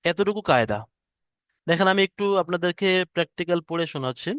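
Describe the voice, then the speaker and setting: A man teaching an online Quran reading class, slowly drawing out letter sounds to demonstrate them. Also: a little high, animated, fairly bright tone, dry recording. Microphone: headset or computer mic on an online class call.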